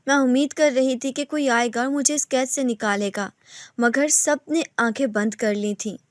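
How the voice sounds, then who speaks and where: A woman's voice: high voice, fairly even intonation, no echo, clean studio sound, lightly acted. A woman voicing a bitter young bride speaking coldly to her captor-husband, in a storybook reading. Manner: cold, bitter.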